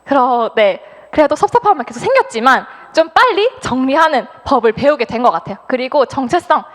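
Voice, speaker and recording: A woman in her twenties giving a personal business testimony, animated and acting out her own quoted thoughts. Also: high voice, a little fast, long reverb tail. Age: 20s. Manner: animated, acts out quoted thoughts, laughs often. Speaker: business speaker.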